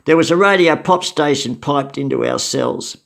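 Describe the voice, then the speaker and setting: Gravelly older Australian man. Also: mid-range voice, moderate pace. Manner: wry, matter-of-fact, with chuckles and asides. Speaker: storyteller recounting memories. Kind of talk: casual spoken memoir.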